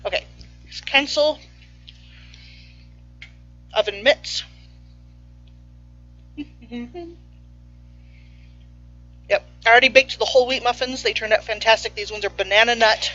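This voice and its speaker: Speaking slowly and pausing often, a woman runs a casual cooking stream in her home kitchen as a baking show host, chatty, playful, and sometimes talking through a mouthful. Her voice is a little high, pushed, and bright; the sound is slightly muffled with faint music behind.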